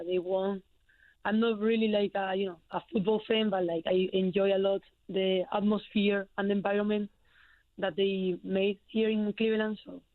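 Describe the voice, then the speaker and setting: A young woman from Spain, speaking with a Spanish accent in a mid-range voice with no echo, answers questions on a phone-in radio interview. She's a college basketball player, hesitant and heavy on fillers, and the tinny phone line colors the sound.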